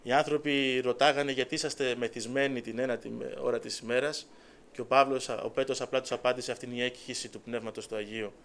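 A man's voice: mid-range voice, steady tone, a bit bright. A man giving a sermon testimony, telling his story earnestly with quoted dialogue. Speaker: preacher.

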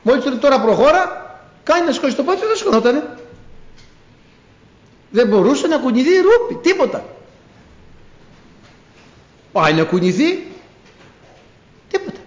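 Animated male preacher in echoey hall. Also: extremely high pitch, pauses often. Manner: animated storytelling, acting out biblical scenes. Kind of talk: sermon. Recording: echoey room, dull lo-fi sound.

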